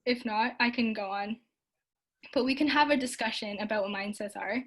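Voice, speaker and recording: Young woman, from Canada, slightly high voice, casual online talk, upbeat, lots of likes and ums. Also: normal speed, fairly bright tone. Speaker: speaker answering audience questions.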